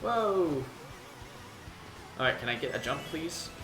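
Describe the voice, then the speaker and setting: A man's voice: medium pitch, fast talker, pushed and bright. A man streaming a racing game, chatting casually, swearing and laughing with friends. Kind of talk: casual gaming stream chat. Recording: roomy sound with game music.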